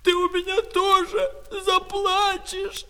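A man voicing a young girl who shouts and cries at her little brother in a storybook reading. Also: big pitch swings, takes it slowly, in a large hall, exaggerated voice. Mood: shouting angry. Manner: shrill crying shouts. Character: upset girl Katya, big sister.

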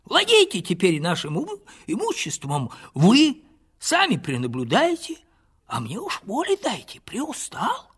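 A man performs an exaggerated character voice of a humble, poor peasant in his sixties, speaking folksy rustic speech at an unhurried pace with a breathy edge. The proud old man sinks to whispers, then rises into high, excited outbursts.

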